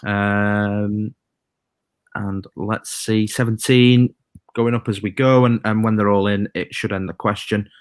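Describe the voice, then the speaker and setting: A man hosting a live quiz stream, reading rhyming clues slowly and chatting between questions. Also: fairly low pitch, steady tone, smooth, no echo, studio quality. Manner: reads quiz rhymes slowly, chatty asides. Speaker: quiz host.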